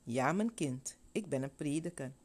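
A woman voicing a gentle male preacher who speaks in a calm, fatherly way. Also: deep voice, normal speed.

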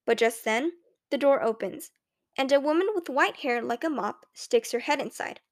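A woman reading a children's novel aloud in the first person, with clear, expressive storytelling. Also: sits high, moderate pace. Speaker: audiobook narrator. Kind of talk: scripted first-person audiobook narration.

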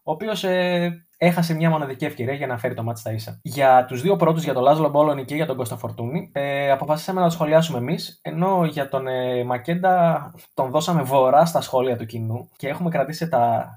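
A man's voice: a little high, hardly any pauses, a little mellow. Joking man co-hosting a podcast. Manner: joking, introduces the episode's segments. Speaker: podcast co-host. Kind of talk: casual football podcast chat.

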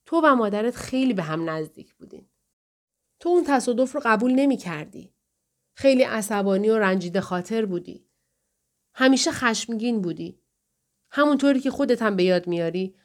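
A woman's voice: a little high, expressive, natural voice. A woman voicing a distressed man pleading with his wife in an audiobook, earnest and pleading. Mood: explaining. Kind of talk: audiobook dialogue reading.

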